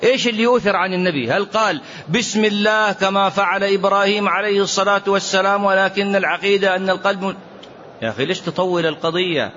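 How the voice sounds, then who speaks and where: A middle-aged sheikh leads a religious lesson, answering questions with lively rhetorical questions and playful back-and-forth. His voice sits a bit high for a man. The recording is dull and lo-fi, with a faint hiss behind it. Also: fast. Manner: animated, rhetorical questions, mock dialogue.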